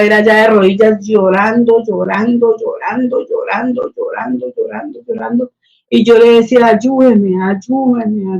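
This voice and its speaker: A woman's voice: on the high side, a little mellow. Earnest woman telling her testimony. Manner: earnest, repetitive storytelling that acts out quoted dialogue. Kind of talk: personal testimony storytelling. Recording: dull lo-fi recording.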